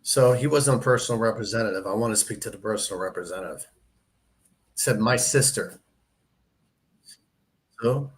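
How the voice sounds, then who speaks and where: A man's voice: lowish voice, moderate pace, long pauses, low-quality recording. Courteous man making sales calls. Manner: polite and courteous, sir and ma'am. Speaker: real estate broker. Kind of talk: cold-calling on the phone.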